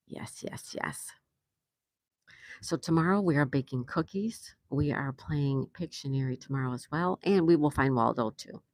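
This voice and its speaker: A low, slightly mellow voice comes from an older woman from New York who hosts a casual outdoor patio livestream, chatting, reading viewers' messages aloud and laughing frequently. It's recorded in studio quality with no echo.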